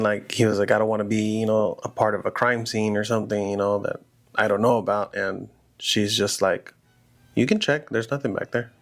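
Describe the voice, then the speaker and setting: Casual man telling a horror story. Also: lowish voice. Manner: loose and conversational, full of fillers like "you know" and "like".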